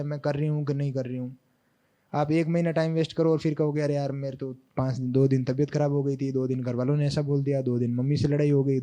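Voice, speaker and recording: Young man from Rajasthan, fairly high and mellow, earnest advice-giving to a student crowd. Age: young adult. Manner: earnest, repeats advice in short lists. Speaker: exam topper giving advice. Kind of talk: motivational talk to students.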